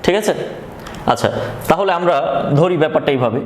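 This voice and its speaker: A man teaching a chemistry lesson, asking questions and answering them himself, repeating key phrases slowly. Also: on the high side, animated. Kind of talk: recorded classroom lesson. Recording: echoey room with faint background noise.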